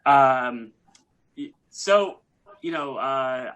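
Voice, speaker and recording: A man's voice: medium pitch, animated, very slow, a bit bright, low-quality recording. A man doing a rambling, self-deprecating stand-up set over a video call. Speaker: stand-up comedian.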